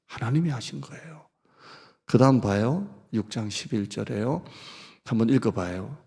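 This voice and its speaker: A man's voice: medium pitch, darkish tone, slightly rough. A male pastor preaching a sermon, leading his congregation through Scripture readings and call-and-response, and telling stories in a humorous, conversational way. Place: church sanctuary. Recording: reverberant church hall.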